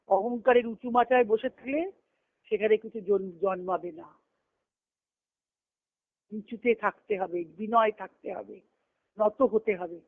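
With long pauses and a measured pace, a medium-pitched woman gives a devotional scripture teaching over a conference call, working through it phrase by phrase and repeating. The recording is dry, the phone audio muffled and lo-fi.

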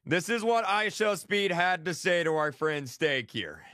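A man's voice: high voice, lively intonation, a little slow, bright, forceful tone, no room sound, clean studio sound. Rambling man chatting with his viewers. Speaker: gaming channel host. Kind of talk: casual chat on a stream.

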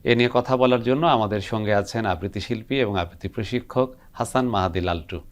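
A man hosts an educational language program. He speaks in a formal, measured way as he puts questions to his guests. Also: fairly low pitch. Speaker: TV program host.

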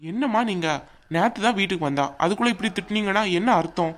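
A woman voicing a young husband in an animated cartoon, caught between his mother and his wife, talking in a coaxing, placating way. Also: medium pitch, quick pace, close to an everyday voice.

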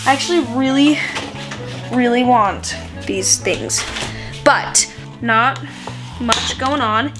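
A woman's voice: fairly high pitch, slow pace, long pauses, over music. Chatty young woman vlogging. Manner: chatty, playful, talks to viewers. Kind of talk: casual vlog chat.

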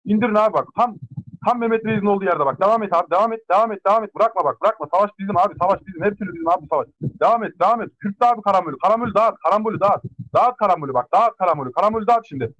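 A man with a high voice speaks very fast over a muffled, lo-fi voice chat. He keeps pushing a teammate with short, repeated instructions during the battle. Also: fairly bright tone. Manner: urgent, insistent repeated instructions.

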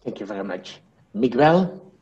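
A man's voice: medium pitch, expressive, a little slow, a little mellow, lo-fi sound. A man moderating a webinar panel with brief, polite handovers between speakers.

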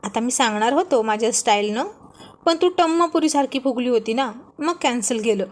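A woman's voice: on the high side, expressive, a little fast, lightly acted. A woman voicing a teasing, bossy young husband who mocks his wife playfully. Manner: mocking, playful taunts.

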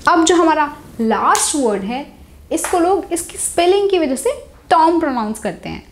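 Lively high-voiced woman teaching pronunciation. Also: a little hiss or hum. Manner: clear, explanatory, repeats each word slowly. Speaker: English teacher. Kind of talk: Hinglish pronunciation lesson.

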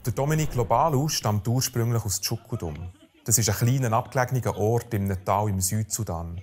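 A man with a Swiss German accent narrating a documentary in a calm, measured way. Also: on the low side, breathy edge.

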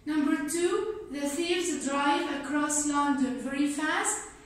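A woman teaching English, reading a story aloud and explaining it slowly, repeating key words for learners. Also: sits high. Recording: very echoey, from a distance.

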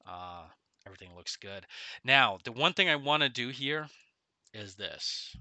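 Bright-voiced man, numb from the dentist. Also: medium pitch, expressive, measured pace, no room sound. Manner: speaking oddly with half his face numb from the dentist. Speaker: game streamer. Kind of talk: casual gaming livestream chat. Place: small room at home, indoors.

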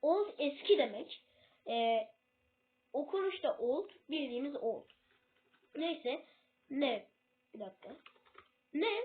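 A woman's voice: high-pitched, very animated, slow, pauses often. A woman giving a casual English lesson in a video, hesitant and often losing her place before correcting herself. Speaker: self-made English tutor. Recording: tinny phone-like recording.

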